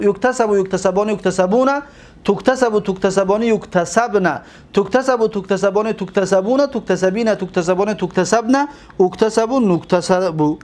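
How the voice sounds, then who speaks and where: A man teaching a grammar lesson, reciting long memorized verb lists in a steady rhythm and stopping to explain each step. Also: sits high.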